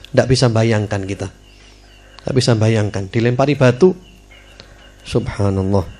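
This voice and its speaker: A man preaching, telling stories with emotion, his voice climbing high and dropping soft. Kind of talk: sermon.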